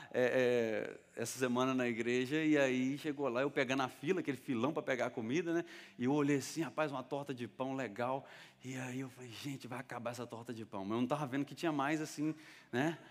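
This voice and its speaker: A man preaching a sermon as pastor, telling stories lively and acting out the lines of the people in them. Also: medium pitch, brisk. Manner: lively storytelling, acting out dialogue. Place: church hall. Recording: long reverb of a church hall.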